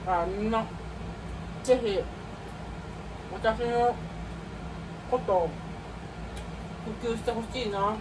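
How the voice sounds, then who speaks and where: A woman's voice: on the high side, slow pace, long pauses. Young woman vlogger, mouth full while talking, mic far off, noisy room. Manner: chatty, talking while eating. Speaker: YouTuber. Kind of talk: casual mukbang vlog talk. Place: home, indoors.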